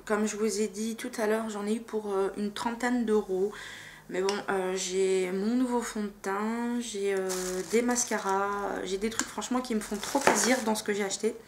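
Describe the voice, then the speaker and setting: Speaking at a moderate pace with fairly even intonation and a medium pitch, a woman vlogger talks excitedly and casually about makeup she has bought, using lots of fillers and hesitations. A little hiss or hum sits in the background.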